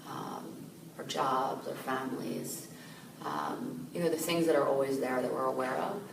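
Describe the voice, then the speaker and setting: Low, gravelly woman guiding a meditation. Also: fairly even intonation. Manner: gentle, slow, soothing guidance with soft fillers. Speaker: meditation teacher. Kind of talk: guided meditation. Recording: echoey room, distant mic, noisy ambience.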